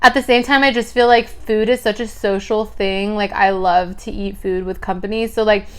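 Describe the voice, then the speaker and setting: A woman's voice: mid-range voice, fairly even intonation, moderate pace, fairly bright tone, clear, resonant tone. A young woman in her twenties chatting casually to viewers between bites of food, filling her talk with "like". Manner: chatty, lots of "like", chewing sounds between lines. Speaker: mukbang vlogger. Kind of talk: casual chat while eating.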